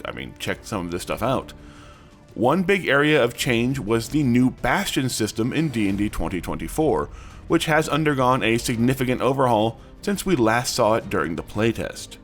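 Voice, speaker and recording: Male news host, scripted narration in a middle-pitched voice, music bed behind. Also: expressive, normal speed. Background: background music.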